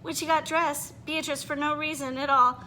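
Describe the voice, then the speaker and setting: A woman reading a children's picture book aloud in an expressive, animated way, pausing to put questions to her listeners. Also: high-pitched, slight background noise, rough recording. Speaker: read-aloud storyteller.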